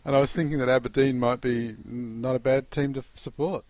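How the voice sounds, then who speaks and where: A man's voice: medium pitch, fairly even intonation, brisk, a little mellow. A man hosting a casual interview, chatting informally and feeling his way hesitantly into his questions. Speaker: podcast host, interviewer.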